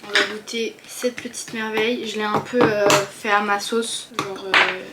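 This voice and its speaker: A woman's voice: mid-range voice, level tone, measured pace, over loud music. An eighteen-year-old woman vlogging in a casual, chatty way, informal and full of fillers and slang. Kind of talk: casual vlog chat.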